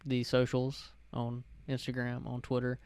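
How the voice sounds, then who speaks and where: Young man, smooth voice, dry mic, casual rambling podcast chat. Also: medium pitch, monotone, unhurried, darkish tone, dry recording. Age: young adult. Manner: rambling, self-correcting. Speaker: podcast host.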